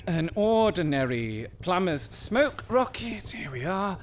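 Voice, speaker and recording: An actor playing Sherlock Holmes as a shrewd, confident gentleman detective, precise and theatrical in an audio drama. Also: medium pitch. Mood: commanding, precise. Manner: precise, instructing, theatrical delivery.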